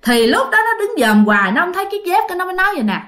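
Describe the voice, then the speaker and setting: A woman's voice: very high voice, very animated, racing, a bit bright. A woman with a Southern Vietnamese accent telling a ghost story in a chatty way, repeating phrases and often speaking straight to her listeners. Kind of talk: casual ghost story narration.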